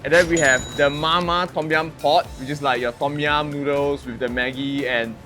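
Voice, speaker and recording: A man's voice: on the high side, fairly even intonation, moderate pace. A young man with a Singaporean English accent co-hosting a casual food review, upbeat and chatty, often tagging lines with lah and right. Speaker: food show co-host. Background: background music.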